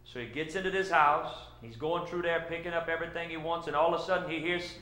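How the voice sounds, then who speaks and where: A middle-aged man with a Cajun accent doing folksy stand-up storytelling in a drawn-out way on a stage. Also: on the high side, steady tone, pushed and bright. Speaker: comedian. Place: indoor church-like hall, on stage before seated audience. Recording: roomy echo of a live stage.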